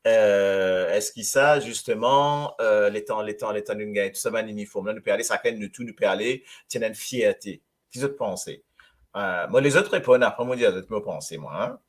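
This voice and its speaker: A man with a Mauritian accent hosting a casual radio talk show, talking in a halting way and often repeating words. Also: lowish voice. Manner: halting, repeats words, mixes Creole and French. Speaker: radio host.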